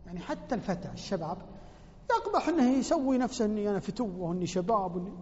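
A man's voice: high-pitched, animated, quick pace, dark tone. A man preaching in a mosque, explaining a poem with fervent emphasis and repeating phrases for stress. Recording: dull lo-fi recording in a reverberant hall.

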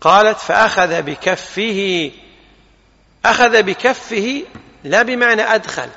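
A man with a fairly high, bright and gravelly voice teaches a religious lesson. He explains a text in a measured way and slows down to weigh single words. The sound is muffled and carries a long hall reverb. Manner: measured explanatory delivery, slows to stress word forms. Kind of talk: hadith lesson commentary.

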